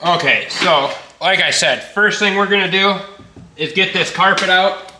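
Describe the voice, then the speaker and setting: A garage vlogger with a high, bright, pushed voice talks a little slowly as he casually narrates working on an old truck. He's laid-back and plainspoken, swearing casually, and the garage sounds echoey with faint background noise.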